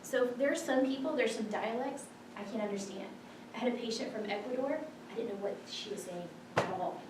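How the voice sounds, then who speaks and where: A physician assistant, this woman teaches a classroom lesson in a chatty, casual way loaded with fillers and lots of "like"s. Her voice is a little high and a little fast, picked up from afar in an echoey room with background noise.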